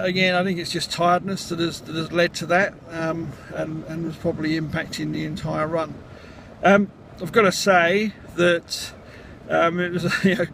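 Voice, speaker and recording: A man talking casually in a vlog, recounting things in a halting, rambling, matter-of-fact way. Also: fairly high pitch, creaky. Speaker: vlogger, amateur runner. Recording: outdoor noise, traffic.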